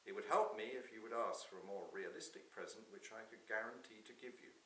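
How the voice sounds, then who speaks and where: A man's voice: lowish voice, brisk, pushed and bright. A man reading as a stern Santa, roomy sound. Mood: grave, firm. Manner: grave, dismissive, admonishing. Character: stern, weary Santa lecturing petitioning politicians. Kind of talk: satirical Christmas story read aloud. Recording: roomy, distant microphone, clear hiss.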